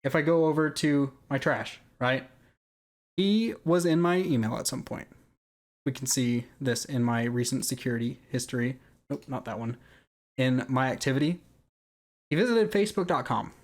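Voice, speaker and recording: A man's voice: mid-range voice, normal speed. A man giving casual, conversational screen-recording commentary, explaining step by step and often checking in with the listener. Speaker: video creator walking through an account hack.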